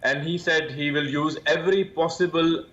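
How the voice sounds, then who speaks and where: A male journalist giving live news analysis in a halting, emphatic way over a dull, echoey link. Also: on the high side, fairly even intonation, a bit bright. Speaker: journalist, guest commentator.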